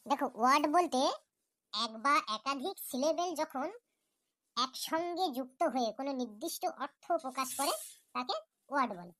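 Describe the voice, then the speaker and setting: A woman's voice: high voice, animated, moderate pace, pushed and bright, no room sound. A woman voicing a patient female teacher in a cartoon lesson, explaining step by step and often checking that the class understands.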